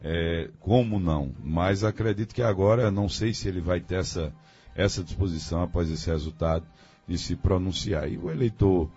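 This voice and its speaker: This man speaks in a very low, husky voice, pausing and restarting as he weighs his views on a radio talk show. The sound is dull and lo-fi, with faint music underneath. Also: dark tone. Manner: hesitant, thinking aloud with many fillers. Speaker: guest commentator. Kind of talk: radio debate analysis.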